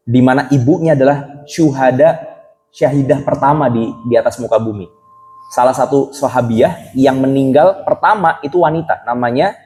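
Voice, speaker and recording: A man with a mellow, relaxed tone teaches a casual religious lesson to a young crowd. He talks in a chatty way, keeps checking whether listeners follow, and drops English phrases into everyday speech. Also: mid-range voice, low-quality recording. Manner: chatty, keeps asking the audience rhetorical questions; mixes English phrases into colloquial talk. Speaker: Islamic preacher teaching youth.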